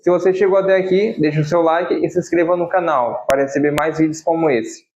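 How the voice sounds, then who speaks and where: A man with a Brazilian accent teaching an English lesson, slowly repeating example phrases for practice. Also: on the high side, fairly even intonation, a little mellow, a little hiss or hum. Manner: slow, drawn-out model phrases repeated for practice. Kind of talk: language lesson. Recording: roomy, slightly dull recording.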